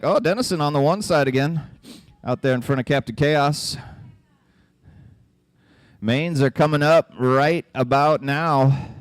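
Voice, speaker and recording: A man's voice: mid-range voice, clean tone, no room sound. A man announcing live races with folksy, joking play-by-play, his voice starting to crack. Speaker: track announcer. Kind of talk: live race commentary.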